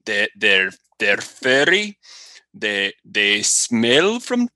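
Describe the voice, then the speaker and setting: A man voicing a gruff male ogre who fumbles for words in a party impression game. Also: fairly low pitch, big pitch swings, pushed and bright, dry recording, clean studio sound, exaggerated voice. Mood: fumbling. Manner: halting, fumbling, laughing at himself.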